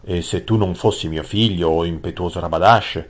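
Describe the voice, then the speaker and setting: A man voicing a calm old king who speaks in stately, measured proverbs. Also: sits low.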